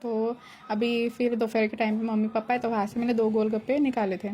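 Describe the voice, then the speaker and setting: A woman's voice: fairly high pitch, flat delivery, fairly quick, mellow, a little hiss or hum. Giggly young woman sharing a devotional story. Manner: chatty, giggly, grateful. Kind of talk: casual spoken testimony.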